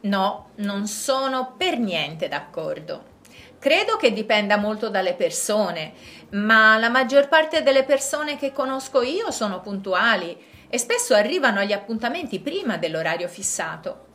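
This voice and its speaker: A woman speaking in a clear, measured way in a scripted dialogue for language learners. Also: mid-range voice, big pitch swings, fairly bright tone. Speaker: dialogue partner in a language lesson.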